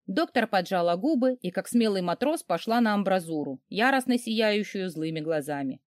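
Lively, wry woman narrator. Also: mid-range voice, dry recording, studio quality. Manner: wry, theatrical, quick mood swings in quoted lines. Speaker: audiobook reader. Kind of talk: first-person comic romance narration.

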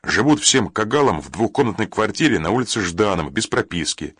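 A man voicing a loud, brusque police sergeant who barks out his words and reports in clipped terms. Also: lowish voice, lively intonation, brisk, slightly rough, no echo, studio quality.

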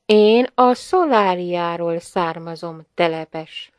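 A woman voicing a proud, aloof woman from an offworld colony in an audiobook, speaking slowly in a formal, hesitant way. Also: mid-range voice, sing-song, creaky, no room sound, studio quality. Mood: stiff.

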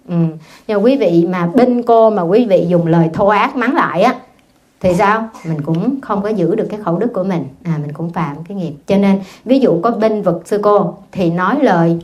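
Lively Buddhist nun giving a dharma talk. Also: female voice, medium pitch. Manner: lively storytelling, asks the audience questions.

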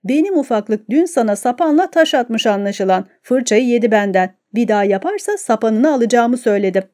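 A man's voice: very high voice, brisk. A woman doing a boastful, chatty middle-aged man. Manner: boastful, rambling, lively.

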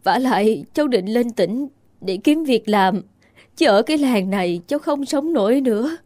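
Woman playing a high-voiced young widow, wailing and pleading, dry close sound, audio ghost story. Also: animated, normal speed, darkish tone, no room sound. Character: grieving young village widow, secretly scheming.

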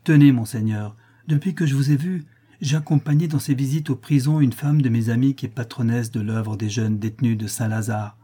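A man's voice: mid-range voice, fairly even intonation, brisk, mellow, breathy edge, lightly acted. A man voicing a tender, devout noblewoman in an audiobook reading, speaking with earnest admiration. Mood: compassionate.

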